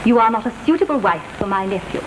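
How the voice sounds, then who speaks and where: A woman's voice: medium pitch, animated, fast, close to an everyday voice. A woman playing a condescending middle-aged aristocratic English aunt, formal and clipped, in witty period banter from a 1930s drawing-room comedy. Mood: imperious, formal. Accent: upper-class English. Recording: noisy, hissing 1930s film soundtrack.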